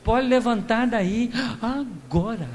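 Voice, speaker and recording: A Brazilian man voicing a calm, gently reassuring male healer inside a sermon, speaking in a soft, matter-of-fact way. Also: very high-pitched, takes it slowly, slight background noise, full character voice. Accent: Brazilian Portuguese.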